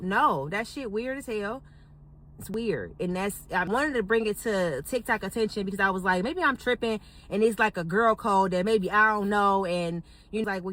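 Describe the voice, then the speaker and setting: A woman telling a personal story in a casual rant, animated and indignant, swearing and acting out what others said. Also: a little high. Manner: animated, indignant, swears, quotes people in a rising voice. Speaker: storyteller venting on a social video.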